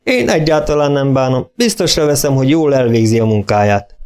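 A man voicing a calm, unruffled country vet. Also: medium pitch, clear, resonant tone, lightly acted. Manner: calm, level, matter-of-fact. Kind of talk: audiobook reading.

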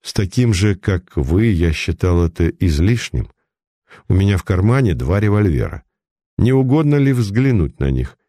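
A man's voice: deep voice, no echo, clean studio sound. Man playing a cool, sarcastic detective. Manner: calm, sarcastic, measured. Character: cool unflappable male police detective.

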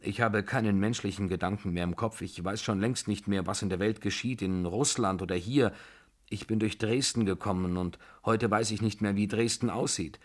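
A man's voice: fairly low pitch, moderate pace, lightly acted. A man voicing a lovesick young tutor who confesses in an agitated, pleading way in an audiobook. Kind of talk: audiobook dialogue.

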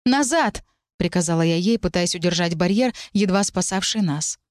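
A woman reading a first-person fantasy story aloud, dramatic and tense, with sharp shouted lines for the characters. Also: on the low side, fairly quick, no room sound, clean studio sound. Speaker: audiobook narrator.

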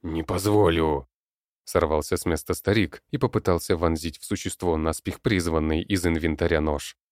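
A man narrating a dark fantasy story in a steady, dramatic way. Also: sits low, fairly quick, no room sound, clean studio sound. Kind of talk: audiobook narration.

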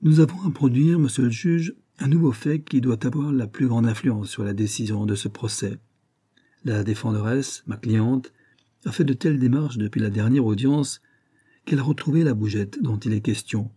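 A man voicing a composed medieval priest-judge, pleading in court with calm assurance. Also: medium pitch, normal speed, slightly rough, close to an everyday voice.

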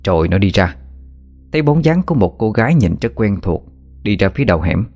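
A man narrating a spooky story in a steady, even manner. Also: on the low side, brisk. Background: faint background music.

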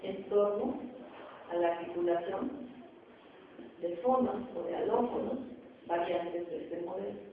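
A woman with a Mexican Spanish accent giving a university phonetics lecture, explaining slowly and asking rhetorical questions. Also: medium pitch. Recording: echoey classroom from far off, phone-like sound, noise.

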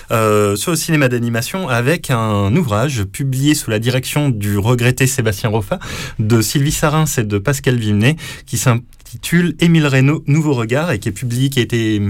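A man, a radio columnist who presents animation books in a measured way. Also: mid-range voice, dry recording. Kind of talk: radio book review.

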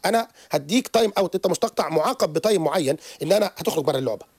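A man, a therapist guest on a radio show who lectures quickly and keeps restarting his sentences. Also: on the high side, husky, no room sound. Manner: animated, rapid lecturing with frequent restarts. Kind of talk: radio interview explanation. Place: radio studio.

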